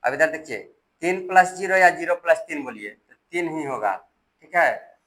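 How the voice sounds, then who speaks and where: A man's voice: fairly high pitch, expressive, moderate pace, a bit bright, poor audio. A man teaching decimal addition step by step, patient and repetitive, reading digits aloud one by one. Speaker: math teacher. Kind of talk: step-by-step classroom explanation.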